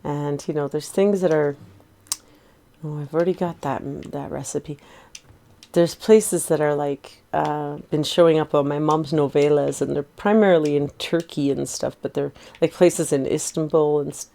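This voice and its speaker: A woman's voice: sits low, fairly even intonation, moderate pace, vocal fry, dark tone. A woman in her forties chatting in a rambling, easygoing way while streaming a game, laughing easily. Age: 40s. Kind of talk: casual gameplay chat.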